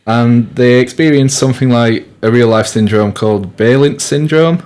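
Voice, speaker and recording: A man's voice: mid-range voice, fairly even intonation, moderate pace, darkish tone, clear, resonant tone. A young man co-presenting a radio science show, explaining loosely with lots of fillers and restarts. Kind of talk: casual science chat.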